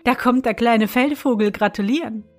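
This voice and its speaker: A woman's voice: on the high side, normal speed, soft background music, lightly acted. A woman voicing a plump, smiling housewife who talks in a somewhat childish, cooing way in a storybook reading.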